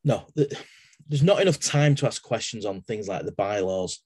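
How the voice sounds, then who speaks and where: This webinar guest, a middle-aged exam assessor with an English accent, speaks at a normal speed in a lowish, animated, slightly mellow voice with a breathy edge. Talking casually on a video call from his home study through a laptop webcam, he chats, digresses with everyday analogies and restarts often. No echo is audible.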